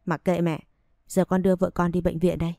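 A woman voicing a young husband who stands up to his mother firmly, in a low, mellow voice. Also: flat delivery, brisk, gravelly, no echo, studio quality. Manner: resolute, defiant. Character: young husband, firm and protective.

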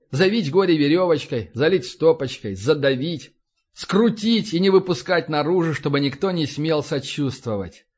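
A male audiobook narrator reading an action novel in a steady, even storytelling manner. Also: fairly high pitch. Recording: dull lo-fi audiobook recording.

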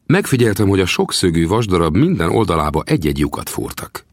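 A man narrating an adventure novel in the first person, in steady storytelling. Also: no echo, studio quality. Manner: steady storytelling, lively pitch. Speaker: audiobook narrator.

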